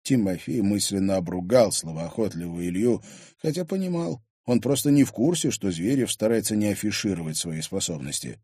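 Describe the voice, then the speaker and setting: Expressive male audiobook narrator, soft and husky. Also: lowish voice, brisk, no echo, studio quality. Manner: expressive reading. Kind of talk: scripted narration.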